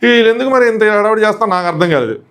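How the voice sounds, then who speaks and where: Male commentator, quick chatty recap, drops lower for quoted lines. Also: expressive, fairly bright tone, clear, resonant tone. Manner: rapid, chatty, opinionated. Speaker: show commentator.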